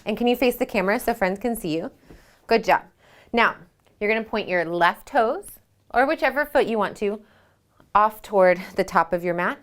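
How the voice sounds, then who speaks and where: A woman leading a children's yoga storytime at home. She reads a picture book aloud and asks the kids gentle questions. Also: mid-range voice, normal speed.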